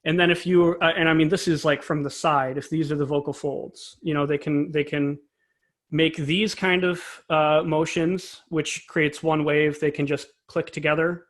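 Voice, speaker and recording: A composer and conductor, interviewed as an expert, explains things informally and analytically while choosing his words carefully. His voice is a little high, his delivery flat and his pace moderate.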